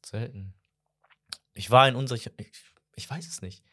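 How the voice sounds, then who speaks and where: A man's voice: medium pitch, normal speed, pushed and bright. A young man co-hosting a podcast in casual chat, reflective and self-doubting, with a playful side. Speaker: podcast co-host.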